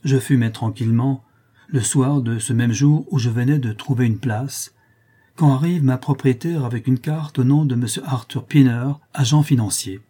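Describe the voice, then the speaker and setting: A man calmly narrating a classic story as an audiobook reader, with measured storytelling. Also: mid-range voice, husky.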